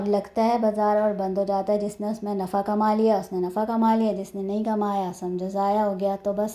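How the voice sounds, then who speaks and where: A woman's voice: mid-range voice, a little mellow, a little hiss or hum. A woman vlogging in a casual, rambling way, stopping now and then to say prayers and blessings. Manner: chatty, rambling, says prayers and blessings as she goes. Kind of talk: casual chat. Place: at home and at a horse stable, partly outdoors.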